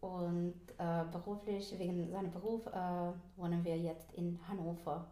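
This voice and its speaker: A woman's voice: on the low side, flat delivery, a little slow, mellow. A woman in her thirties from Ukraine, giving a casual interview as a guest, speaking hesitantly with many filler sounds and small grammar slips. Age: 30s. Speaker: interview guest, spirits company founder. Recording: echoey room.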